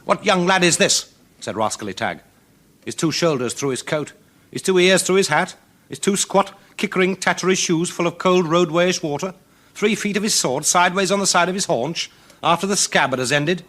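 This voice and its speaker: In dramatic storybook style, a male storyteller delivers a children's folk tale with a declamatory, rhythmic, theatrical flair. He speaks high-pitched and a bit bright at a moderate pace.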